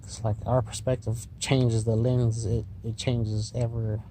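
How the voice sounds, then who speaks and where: A man's voice: medium pitch, level tone, measured pace, dark tone. Spaced-out tripping man, noisy recording. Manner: tripping on mushrooms, spaced-out, musing, drifting and repeating himself. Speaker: vlogger. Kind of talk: rambling philosophical monologue to the listener. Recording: noisy recording with vehicle-like ambient noise.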